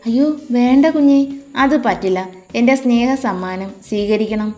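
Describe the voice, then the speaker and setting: A humble, kindly old housemaid speaks in a gentle, meek way, as a woman storyteller plays her. Soft music drifts beneath this storybook scene. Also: on the high side, normal speed, natural voice.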